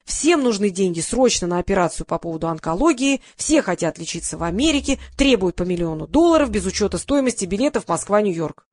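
A woman reading the lines of a sharp, scornful female press secretary in an audiobook. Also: mid-range voice, expressive, fast talker, few pauses, dry recording, studio quality, lightly acted. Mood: mocking. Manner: sarcastic and scornful.

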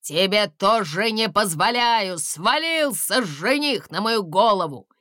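Blustering grumpy king, voiced by a woman, slow and dry. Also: medium pitch, lively intonation, sharp tone, no room sound. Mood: indignant. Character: bossy grumpy middle-aged king.

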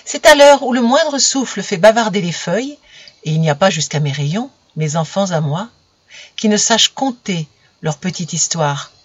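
A woman narrating a children's storybook gently, speaking directly to her young listeners, on a dull lo-fi recording. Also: mid-range voice, animated, moderate pace, slightly rough, no echo. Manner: gentle, intimate address to children.

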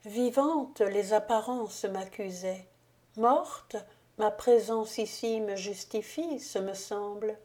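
A woman voicing the ghost of a dead countess in an audiobook, speaking gravely, solemnly and softly. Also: mid-range voice, takes it slowly, close to an everyday voice. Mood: solemn, hushed. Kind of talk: audiobook reading.

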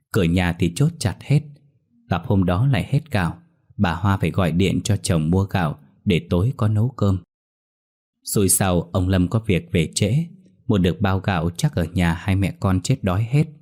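Deep husky male ghost story narrator. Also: darkish tone.

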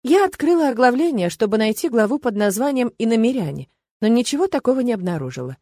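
A woman's voice: fairly high pitch, sing-song, fast, mellow, no echo, studio quality. A young adult woman reading a first-person audiobook in a wry, conversational way. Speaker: audiobook narrator.

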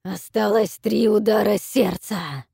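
A woman voicing a cruel male bronze dragon who booms out commands and mocks his captives. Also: slow, vocal fry, dark tone, breathy edge, no room sound, clean studio sound, full character voice. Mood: furious. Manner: booming, commanding, mocking.

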